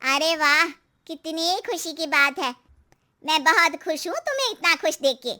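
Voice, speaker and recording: Older neighbour aunt in a cartoon story, superstitious and cautioning, high-pitched, voiced by a woman, hushed warning tone. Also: lively intonation, a little slow, exaggerated voice.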